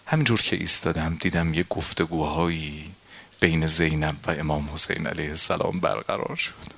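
A man's voice: rumbling low, fairly even intonation, gravelly, a bit bright, breathy edge, full character voice. A man voicing an earnest male companion who pleads to stay. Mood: pleading. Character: Nafi, devoted young male companion.

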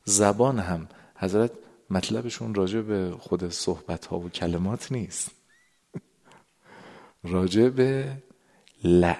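A man preaching to a gathering with a very deep, low voice. He lingers over words and slows down for emphasis. Now and then he sinks to a near-whisper. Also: darkish tone. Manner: drawn-out words, sudden drops to a whisper. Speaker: religious lecturer. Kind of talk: sermon explaining a prayer text. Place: gathering with a live audience.

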